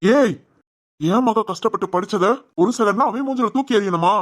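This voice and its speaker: A man voicing a firm but loving village father in an animated family drama, with a Tirunelveli Tamil accent and a reassuring manner. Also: high-pitched, moderate pace, lightly acted. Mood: stern. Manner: steady, reassuring.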